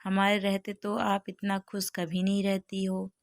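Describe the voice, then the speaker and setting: A woman's voice: medium pitch, monotone, a little slow, no room sound, clean studio sound, natural voice. Woman voicing a sarcastic young sister-in-law. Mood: taunting. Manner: sarcastic, taunting. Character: sharp-tongued young sister-in-law, mocking.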